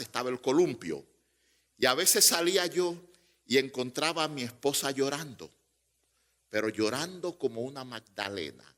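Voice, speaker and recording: A man's voice: mid-range voice, sharp tone. A man preaching a sermon as pastor, pressing his points with emphatic rising repetitions.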